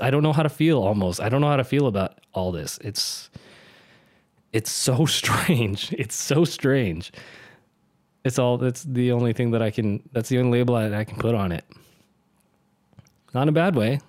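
A man's voice: medium pitch, darkish tone, no room sound, studio quality. A man in his late twenties talking through his year in a reflective, rambling monologue, earnest and often laughing. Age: 20s. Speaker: vlogger. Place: home in a city.

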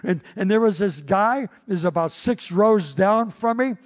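A male pastor preaching a sermon, telling stories with animated delivery and frequent repeated words. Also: high-pitched, a little slow.

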